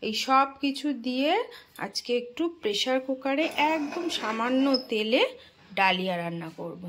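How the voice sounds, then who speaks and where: A young woman with a slightly high voice narrates her morning at home for a family vlog. She chats along casually, walking viewers through each thing she does. Her tone stays easygoing. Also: normal speed, noisy background. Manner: chatty, explains each step to viewers. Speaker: vlog host and mother.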